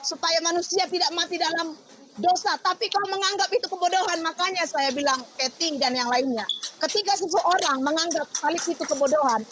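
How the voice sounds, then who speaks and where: A woman's voice: extremely high pitch, brisk, heavy background noise. A woman pastor preaching on a livestream, confrontational and firing off rhetorical questions.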